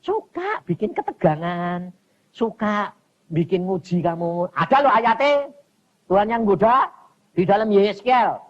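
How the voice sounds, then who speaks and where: A male preacher, giving a lively, colloquial sermon. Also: sits high, unhurried, lo-fi sound. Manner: animated, colloquial, mixes in Javanese words.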